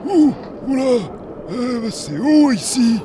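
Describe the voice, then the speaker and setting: A man's voice: very high voice, lively intonation, slow, noisy background, full character voice. A man playing a bumbling, crude wizard in a fantasy parody, hesitant and matter-of-fact. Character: bumbling, crude, easily tired male wizard. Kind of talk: parody fantasy cartoon acting.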